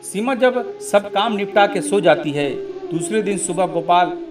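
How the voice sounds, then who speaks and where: A man narrating a family story in a steady, explanatory storytelling manner. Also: sits high, a little slow. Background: soft instrumental music.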